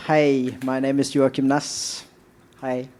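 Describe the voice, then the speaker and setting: Polite man with a dark voice. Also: medium pitch, flat delivery, slow. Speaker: audience member asking a question.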